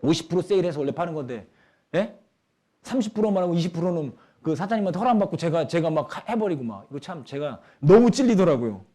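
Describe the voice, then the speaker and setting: A young adult man preaching a youth sermon, animated, acting out quoted people in lively voices. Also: on the high side, quick pace.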